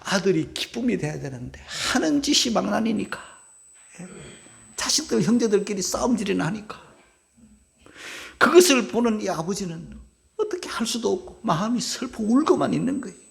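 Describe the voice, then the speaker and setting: Man preaching, high and gravelly, big dramatic swings, cries then hushed whispers, keeps asking the crowd to agree. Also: animated, normal speed. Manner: asks the congregation for assent. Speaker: pastor. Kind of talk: emotional sermon.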